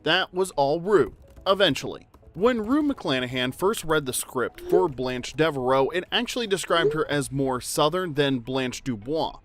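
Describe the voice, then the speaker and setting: A man's voice: a little high, lively intonation, a little slow, fairly bright tone, soft background music. A man narrating a trivia video in an upbeat, jokey, conversational way. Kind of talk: scripted narration.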